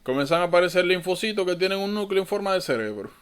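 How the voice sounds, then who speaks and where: A man's voice: high-pitched, animated, quick pace, clear, resonant tone. A man tutoring medical students in an online lecture, informal and thinking aloud, often correcting himself.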